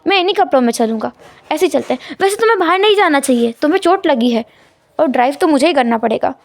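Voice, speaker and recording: A woman's voice: high voice, lively intonation, brisk, creaky, darkish tone. A woman voicing a nervous, flustered young husband who stammers and pleads in a rush. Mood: protesting.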